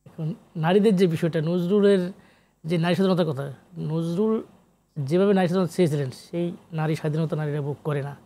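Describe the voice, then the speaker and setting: Here the man's voice is slightly high, slightly fast and mellow. A Bangladeshi professor and literary researcher, he is a guest in a lively TV interview, explaining emphatically like a lecturer and weaving in English scholarly terms.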